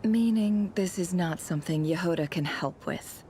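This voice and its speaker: An actress playing a shrewd, imperious female boss in a video game, haughty and teasing, speaking in a deliberate, eloquent way. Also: on the low side, dark tone, slight background noise, natural voice. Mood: cryptic, assured. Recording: music behind the voice.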